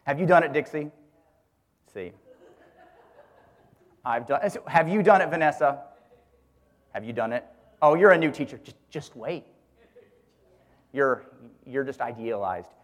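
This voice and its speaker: A man's voice: medium pitch, animated, a little slow, pauses often. A man who is a teacher gives a religious teaching talk to a group, asking rhetorical questions and calling on listeners by name. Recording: long hall reverb.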